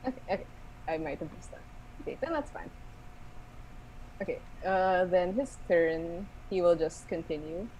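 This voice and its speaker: A woman's voice: lowish voice, animated, normal speed, pauses often, dark tone, slight background noise, rough recording. A woman narrating casually as game master of a tabletop role-playing game.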